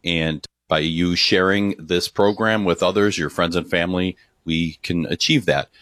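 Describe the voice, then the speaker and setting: A man's voice: sits low, moderate pace, fairly bright tone, no echo, clean studio sound. A man co-hosting a podcast, earnestly introducing and questioning his guest. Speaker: podcast co-host. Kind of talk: podcast interview.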